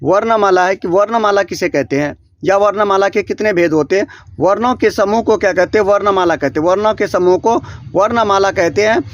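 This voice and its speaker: A man's voice: high-pitched, brisk, no echo, dull audio. A man teaching a grammar lesson, asking questions and answering them himself, with frequent restarts and self-corrections. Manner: repetitive question-and-answer drilling. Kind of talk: classroom-style grammar lesson. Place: small room beside a board.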